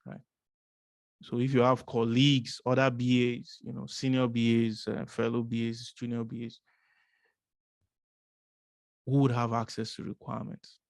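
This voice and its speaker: Male course instructor, mid-pitched, dry close sound, rhetorical teaching style with steady "right?" check-ins. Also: moderate pace, gravelly, pauses often, no room sound. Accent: non-American English. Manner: repeats "right?" often, asks rhetorical questions. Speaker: business analysis instructor. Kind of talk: explanatory course lecture.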